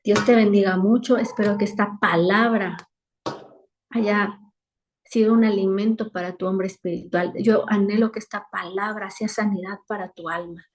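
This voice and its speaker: A woman gives an earnest Bible lesson over a video call. She repeats phrases to drive each point home. Her voice sits at an ordinary middle pitch. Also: steady tone, normal speed. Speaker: Bible teacher. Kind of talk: weekly online Bible lesson.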